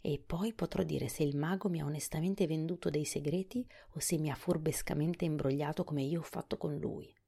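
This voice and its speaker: A woman voicing a scheming old witch in a storybook reading, shrill and excited in her outbursts. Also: normal speed, creaky, few pauses, husky, exaggerated voice.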